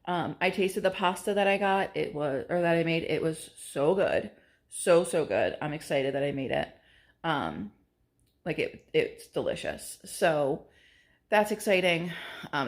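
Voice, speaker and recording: A woman vlogging about her food in a casual, chatty way, often breaking into informal asides and interrupting herself. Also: sits low. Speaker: vlogger sharing meals and recipes. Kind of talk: casual cook-with-me vlog chat.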